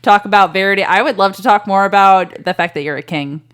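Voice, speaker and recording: Excitable, swearing woman podcaster. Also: mid-range voice, fast, clean tone. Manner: excitable, swears casually, laughs a lot. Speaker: podcast co-host. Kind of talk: casual chat.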